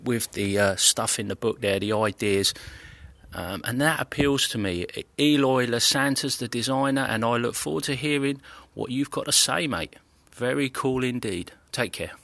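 A man's voice: medium pitch, creaky, a bit bright, dry recording. A man, a fellow podcaster, leaving a chatty, easygoing voice message. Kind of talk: recorded voice message.

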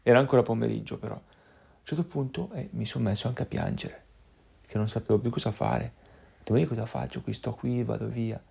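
A man telling his child a story from his own life, acting out sounds and voices with lively energy. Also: medium pitch, fairly quick, creaky, breathy edge. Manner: animated, acts out voices and sounds.

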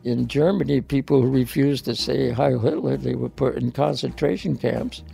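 An older man giving a halting, emotional personal account, repeating words as he grows tearful. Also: mid-range voice, gravelly, dark tone, soft background music. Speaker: interviewee.

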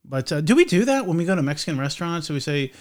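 A man's voice: a little high, big pitch swings, rapid-fire. A man hosting a podcast with his wife, talking in a loose, chatty way that wanders and often restarts mid-sentence. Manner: rambling and chatty, with frequent restarts. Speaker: podcast host. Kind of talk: casual podcast chat.

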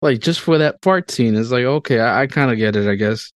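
A man's voice: mid-range voice, expressive, fairly quick, no echo. A man in his thirties chatting casually and laughing often, swearing freely as he talks about his kids. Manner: laid-back, profane, laughs often. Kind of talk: casual chat.

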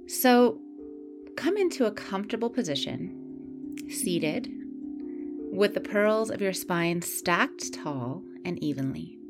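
A woman yoga instructor gently guiding breathing and movement in a calm, soothing voice. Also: mid-range voice, slow pace, pauses often. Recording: clear music playing behind the voice. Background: soft instrumental music.

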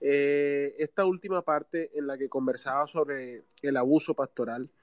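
A man's voice: medium pitch, steady tone, a little slow, no echo. A man in his thirties with a Colombian Caribbean coast accent, calling in to a live audio talk with many hesitant fillers. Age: 30s. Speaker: caller. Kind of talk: live audio space call-in.

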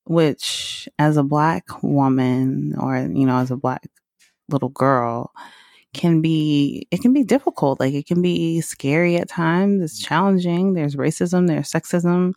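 In her own podcast, a woman in her 30s from the American South talks in a chatty, unguarded monologue, laughing often. Her voice sits low with a darkish tone and a measured pace, recorded at studio quality without echo.

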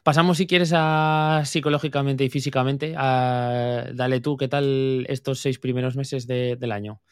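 A man's voice: medium pitch, flat delivery, a little slow, clear, resonant tone, no room sound, studio quality. A man from Spain co-hosting a podcast, talking in a frank, colloquial, casual way. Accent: Spain Spanish. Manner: colloquial, frank, says "tío" and "coño". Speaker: podcast co-host. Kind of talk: casual chat.

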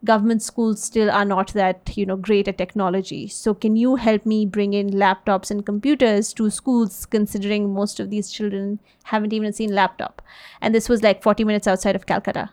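A woman in her thirties, raised in India and the US, answering interview questions in a relaxed, thoughtful way with many fillers and restarts. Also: mid-range voice, moderate pace. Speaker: interview guest, social enterprise CEO. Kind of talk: casual interview conversation.

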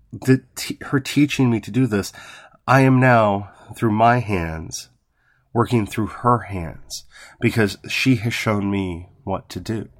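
Low-voiced man giving gentle devotional reflection. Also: dry recording, clean studio sound. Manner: gentle and measured, with frequent pauses between phrases.

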